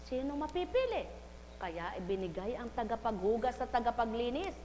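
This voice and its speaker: A woman preaching a live sermon in a large hall. She repeats her calls to the listeners and swings from soft speech to loud cries. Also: on the high side, animated, moderate pace. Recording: echoey hall with faint hum.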